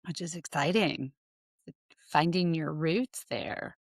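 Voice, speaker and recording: A woman with a lowish voice chatting casually as a podcast co-host. She rambles and hesitates, restarting her sentences often. The sound is close and dry, with no room echo. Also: slow.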